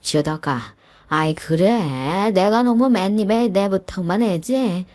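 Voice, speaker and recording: A woman's voice: mid-range voice, animated, slow, a little mellow, no echo. A woman voicing a desperate, groveling middle-aged man who once bullied his classmate, pleading and whiny with many fillers. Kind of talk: story narration with acted dialogue.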